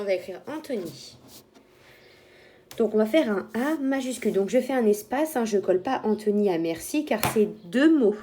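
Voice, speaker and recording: Female teacher, mellow and warm in tone, patient step-by-step instruction for young kids. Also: mid-range voice. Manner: slow, step-by-step explaining with simple imagery. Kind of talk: handwriting lesson for young children.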